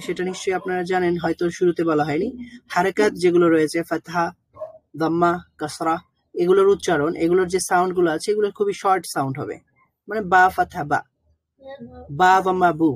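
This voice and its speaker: A husky, slightly breathy teacher gives an online lesson in a dry, close recording. The teacher talks patiently and stops often to sound out letters and syllables slowly. Frequent drawn-out hesitations run through the explanation. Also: mid-range voice, no echo. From Bangladesh. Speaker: Quran recitation teacher.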